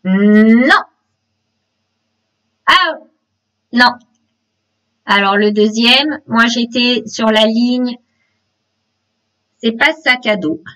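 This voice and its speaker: A woman's voice: a little high, fairly even intonation, slow pace, pauses often, pushed and bright. A woman leading an online teacher-training webinar, explaining classroom games step by step and speaking directly to participants over a video call. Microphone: computer mic on a video call. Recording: dull lo-fi webinar audio.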